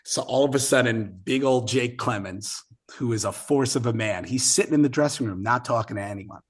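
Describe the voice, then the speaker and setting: A man with a rough, husky voice, a podcast guest and musician, tells a band-tour story with swearing and laughter. his pitch sits in the middle for a man and he talks with excited, building energy. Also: a little fast. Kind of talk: animated storytelling.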